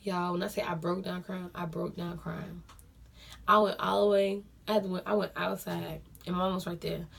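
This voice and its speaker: A woman's voice: lowish voice, flat delivery, moderate pace, vocal fry, husky. Young woman, casual storytime vlogger, talks straight to viewers, repeats lines for emphasis. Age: young adult. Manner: chatty, addresses viewers as y'all, repeats phrases for emphasis.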